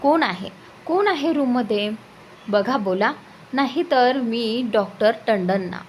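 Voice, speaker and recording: A woman's voice: fairly high pitch, animated, slow, a little hiss or hum. A woman voicing a young wife in a romantic storybook reading. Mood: frightened. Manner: pleading, teasing. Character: young wife, startled then playful.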